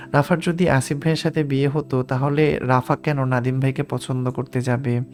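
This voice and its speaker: A man narrating an audiobook in a steady, even storytelling manner. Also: mid-range voice.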